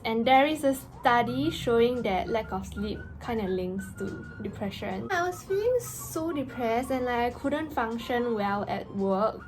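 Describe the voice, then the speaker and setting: A young woman telling a story in a casual vlog rant, with an animated, exasperated, slangy delivery and emphatic stresses. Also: a little high, poor audio. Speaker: vlogger. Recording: music playing behind the voice. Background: background music.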